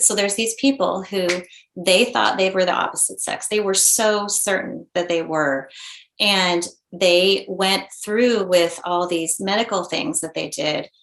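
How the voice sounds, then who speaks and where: Halting earnest woman in a roomy echo. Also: lowish voice, fairly bright tone. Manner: halting, earnest, many restarts. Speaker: interview guest, mother. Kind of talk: personal storytelling in conversation.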